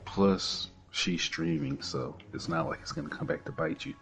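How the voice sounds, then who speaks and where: A man's voice: low-pitched, very animated, moderate pace, creaky, fairly bright tone, soft background music. A man chatting on a game stream, sarcastic and teasing. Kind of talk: casual chat.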